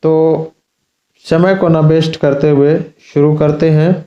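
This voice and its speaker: A man teaching an English grammar lesson to schoolchildren, explaining slowly and repeating himself. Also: a little high, fairly even intonation, warm tone, echoey room, muffled recording. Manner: slow, repetitive explaining, addressing children. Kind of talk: classroom lesson.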